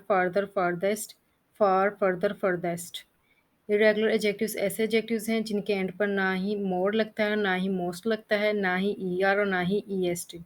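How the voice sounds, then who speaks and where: A woman teaching English grammar, explaining rules step by step, spelling out letters and reading lists of word forms. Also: medium pitch. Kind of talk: Hindi-language grammar lesson.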